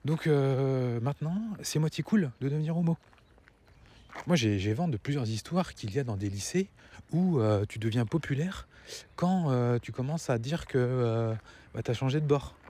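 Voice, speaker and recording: A man's voice: medium pitch, lively intonation, moderate pace, dark tone, a little hiss or hum. A man giving a casual opinion monologue to viewers as a vlogger, rambling and stammering, swallowing words as he walks outdoors. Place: outdoors, walking, nearing a road.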